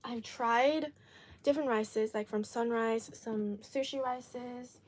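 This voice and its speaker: A woman's voice: a little high, steady tone, slow pace, slight background noise. Woman chatting casually as she chews. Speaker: live streamer, host of an eating show. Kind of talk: casual live chat while eating, reading viewer comments.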